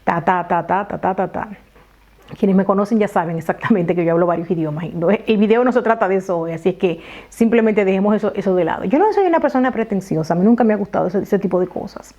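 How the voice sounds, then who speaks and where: A Dominican woman from the Dominican Republic telling a personal story in a vlog, lively and talking straight to her viewers. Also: medium pitch, rapid-fire. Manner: animated storytelling, talks straight to viewers, many "entonces". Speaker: vlogger. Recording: slightly dull lo-fi audio.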